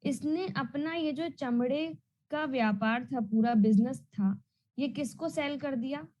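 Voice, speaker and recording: A woman teaching an online class, loudly and emphatically and repeating questions so students answer back. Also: sits high, measured pace, muffled recording. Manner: repetitive question-and-answer drilling; loud and emphatic.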